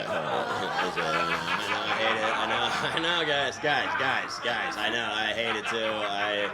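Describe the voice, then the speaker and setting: A young man doing a deadpan stand-up set on a stage mic, padding his lines with fillers and "all right?". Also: mid-range voice, heavy background noise. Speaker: stand-up comedian.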